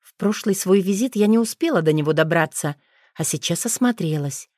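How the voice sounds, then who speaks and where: A woman narrating a first-person audiobook in a steady, expressive storytelling manner. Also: lowish voice, a little fast, no room sound, studio quality.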